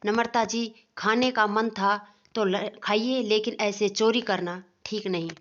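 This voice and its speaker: A woman's voice: mid-range voice, steady tone, measured pace, fairly bright tone, slight background noise, close to an everyday voice. A woman voicing a greedy, scheming young sister-in-law in a storybook family tale, sly and accusing. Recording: dull lo-fi recording.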